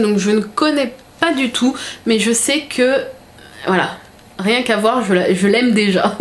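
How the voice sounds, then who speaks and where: A young woman in casual vlog chat, unboxing a gift parcel and gushing over each item with lots of fillers. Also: a little high. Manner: chatty, gushing, filler-heavy. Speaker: vlogger.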